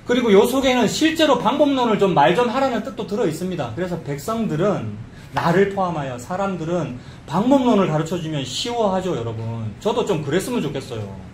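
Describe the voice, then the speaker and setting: Animated male pastor in echoey church. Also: sits high, a little fast, few pauses, a little hiss or hum. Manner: conversational preaching, acts out quoted voices. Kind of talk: sermon. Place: church sanctuary.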